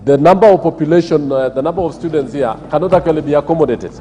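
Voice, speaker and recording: Kenyan man, higher mellow voice, echoing chamber. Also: quick pace. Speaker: education committee chair. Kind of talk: parliamentary floor debate. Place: large parliamentary chamber. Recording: reverberant large hall.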